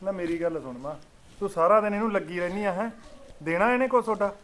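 A man's voice: sits high, fast, fairly bright tone. An actor playing an adult son who takes his sister-in-law's side and argues with his mother, in a village short-film drama. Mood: arguing. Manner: arguing, reasoning.

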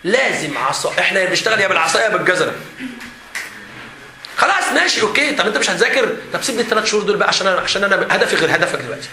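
An Egyptian man speaks to a room of students in a high, bright voice, rattling along at a very fast clip. He jokes and laughs through his points in a lively seminar style. The hall around him is echoey, with a faint hiss underneath. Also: a crowd in the background. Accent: Egyptian Arabic. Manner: animated, joking, often laughing while talking. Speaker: teacher leading a student seminar.

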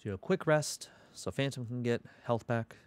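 A man hosting a gaming video, giving let's play commentary with deadpan asides. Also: mid-range voice, moderate pace, faint music behind. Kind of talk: let's play commentary with dialogue read aloud.

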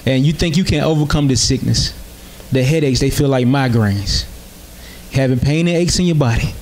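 A man's voice: mid-range voice, moderate pace, a little mellow, slight background noise. A man with a Southern US accent, a gospel rap guest on a talk show, earnestly exhorting listeners in short repeated commands into a handheld mic. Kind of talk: preaching encouragement. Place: talk show studio set.

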